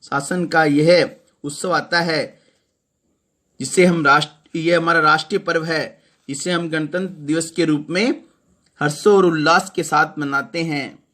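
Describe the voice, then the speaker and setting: A man's voice: on the high side, fairly even intonation, fairly bright tone. A male primary school teacher explaining a poem line by line, correcting himself as he goes. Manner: reads poem lines slowly and melodiously, then explains in plain words.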